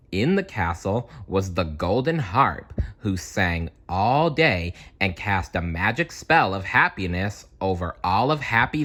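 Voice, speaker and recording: His pitch leans low as he tells a children's tale aloud, delivering each line with measured theatrical flair.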